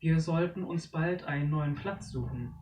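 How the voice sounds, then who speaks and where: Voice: mid-range voice, moderate pace, darkish tone, recorded from a distance, natural voice. Narrator doing an anxious fish mum from a storybook, roomy sound. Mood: worried. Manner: anxious, calling out. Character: worried adult female fish, a mother.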